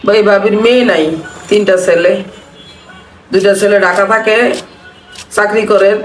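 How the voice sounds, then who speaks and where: A woman's voice: medium pitch, fairly even intonation, a little slow, faint music behind. A woman, chatting while cooking and reminiscing in a repetitive, mournful way. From Bangladesh. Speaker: vlogger. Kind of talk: casual chat while cooking. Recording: roomy, from a distance, faint noise.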